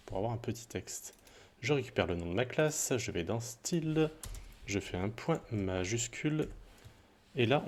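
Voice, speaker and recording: A man explaining a coding tutorial in a relaxed, chatty way, with small asides and self-corrections. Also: lowish voice. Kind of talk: screen-recorded coding tutorial.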